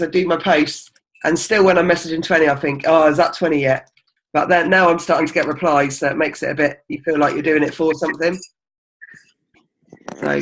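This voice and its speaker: A woman's voice: deep voice, fairly bright tone, a little hiss or hum, low-quality recording. A woman leading a team meeting, talking casually and encouragingly with plenty of ums. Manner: chatty and encouraging, with many ums. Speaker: team leader. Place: indoor group meeting.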